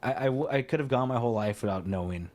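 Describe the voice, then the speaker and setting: A podcast co-host chats casually, rambling through stories in a fast, mid-range, darkish voice. He laughs often, stumbles, and restarts his sentences.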